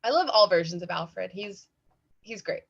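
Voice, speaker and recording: A woman's voice: mid-range voice, animated, normal speed, gravelly. Blunt joking woman co-host, lo-fi sound. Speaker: podcast co-host. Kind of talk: casual episode recap chat. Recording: dull lo-fi audio.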